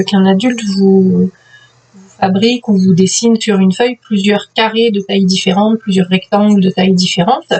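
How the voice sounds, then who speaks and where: A woman teacher with a French accent, calmly explaining class activities step by step for young pupils at home, pausing often to find her words. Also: medium pitch, low-quality recording. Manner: patient, explains step by step with frequent hesitations. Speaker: preschool teacher. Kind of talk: instructions for remote class activities.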